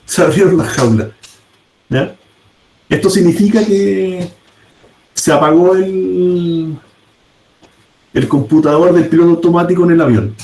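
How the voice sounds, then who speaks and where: Slow, mellow-voiced man teaching code. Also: a little high. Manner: explains step by step, checks in with "¿ya?". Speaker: programming teacher. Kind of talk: live coding class. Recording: echoey room.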